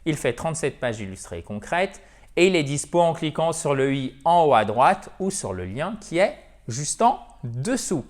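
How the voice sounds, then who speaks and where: A man giving an online English lesson, explaining slowly and checking in with "ok?". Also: a little high, sing-song. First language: French. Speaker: English teacher.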